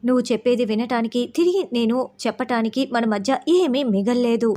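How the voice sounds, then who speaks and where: A woman's voice: on the high side, a little fast, mellow, lightly acted. A woman voicing a furious young man. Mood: angry. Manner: harsh, accusing questions. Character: angry young man scolding his former love.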